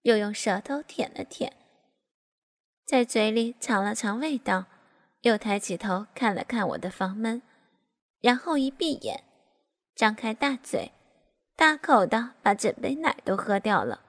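A woman reading a first-person story aloud at a smooth, even pace. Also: on the high side, a little slow, pauses often.

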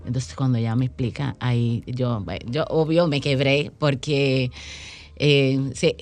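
A woman's voice: extremely low pitch, steady tone, unhurried, a little mellow, faint music behind. A woman guest on a radio interview, speaking earnestly and acting out the voices of the people in her stories. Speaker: guest promoting a stage play.

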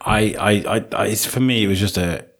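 A man's voice: lowish voice, brisk, vocal fry, a bit bright. A man hosting a podcast in a casual, jokey, rambling way, often repeating words as he gets going. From Telford, England, and North Wales. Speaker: podcast host. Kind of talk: casual interview chat.

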